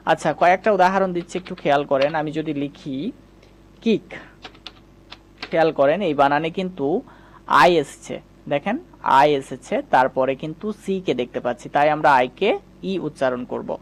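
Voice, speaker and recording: A man's voice: a little high, creaky. A man teaching English spelling sounds in a patient, step-by-step spoken lesson, repeating each rule. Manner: patient, repetitive, explains step by step.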